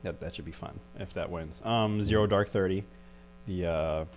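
A podcast co-host chats casually in a low, darkish voice at normal speed, hesitant and full of fillers and restarts. Faint mains hum runs under the recording.

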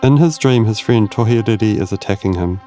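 A man narrating a history documentary in a measured, dramatic way. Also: on the low side. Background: soft music.

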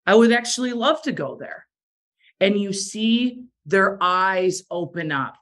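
A woman's voice: medium pitch, expressive, measured pace, fairly bright tone. A woman giving a motivational talk to a sales team, emphatic and repeating phrases for effect, with a bit of morning voice. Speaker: direct sales team leader.

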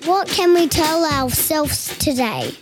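Tiny, very high-pitched playful kids' character. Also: female voice, big pitch swings, slow, full character voice. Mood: bubbly, friendly. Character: small playful childlike children's show character, upbeat and friendly. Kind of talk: children's podcast character voice. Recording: music prominent behind the voice.

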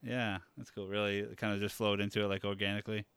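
A man hosting a podcast, introducing the guest and asking questions in a relaxed, easygoing way. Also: on the low side, fast, clear, resonant tone, no room sound. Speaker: podcast host.

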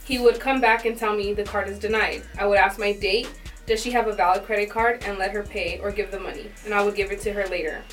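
A woman's voice: medium pitch, steady tone, quick pace, distant mic, faint music behind. A woman guest on a podcast, reading a post aloud in a plain, matter-of-fact way.

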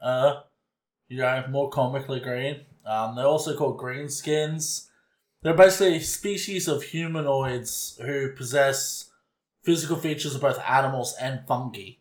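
A man's voice: medium pitch, normal speed, roomy sound. A man co-hosting a podcast in a joking, laid-back casual chat. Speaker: podcast co-host.

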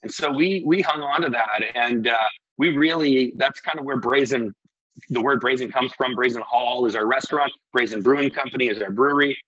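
A man's voice: medium pitch, brisk, a bit bright, husky, dull audio. A middle-aged man from Iceland who owns a restaurant and brewery, talking casually in an interview, rambling and earnest with many restarts.

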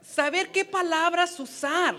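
A woman's voice: very high voice, slow pace, pushed and bright. A woman preaching a sermon to wives, earnest and advising, with playful asides. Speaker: women's ministry speaker.

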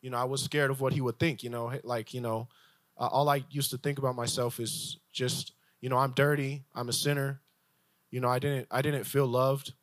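A young adult man giving a personal church testimony, halting, with many fillers and restarts. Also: mid-range voice, flat delivery, no room sound.

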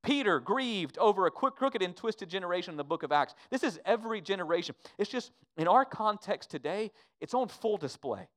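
A man preaching a sermon as pastor, swinging from hushed to emphatic and repeating words as he pleads with the church. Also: sits high, expressive, fairly quick, hardly any pauses.

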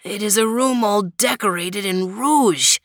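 A woman voicing an excitable, fretful companion who uses French exclamations in a storybook reading. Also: mid-range voice, measured pace, no echo, clean studio sound, close to an everyday voice. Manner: breathless, fretful.

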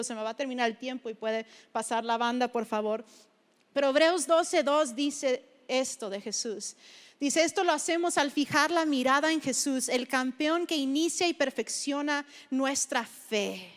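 High-voiced woman preaching from Mexico. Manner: animated storytelling, acting out family voices. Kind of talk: sermon with personal storytelling.

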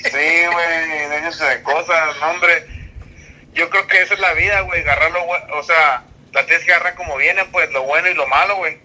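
A man, talking loosely and slangily on a podcast. His voice sits a touch high and rings very bright and forceful. He tells things in an easygoing chat, scattering casual fillers throughout. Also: steady tone, moderate pace, rough recording. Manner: slangy, peppers every phrase with a casual filler. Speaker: podcast host.

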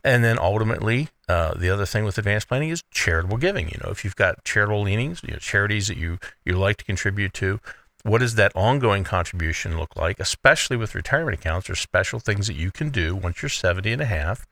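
A man's voice: on the low side, expressive, quick pace, vocal fry, a bit bright, no room sound. A man hosting a radio show as a financial advisor, explaining things conversationally and often saying "you know".

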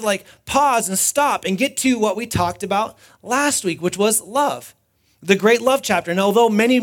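High-voiced pastor at a pulpit microphone. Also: male voice. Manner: conversational preaching with rhetorical questions. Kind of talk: sermon.

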